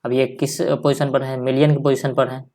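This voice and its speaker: A male maths teacher giving a step-by-step lesson, dictating slowly and repeating each number as he writes it. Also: mid-range voice, flat delivery, warm tone. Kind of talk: step-by-step lesson while writing on a board.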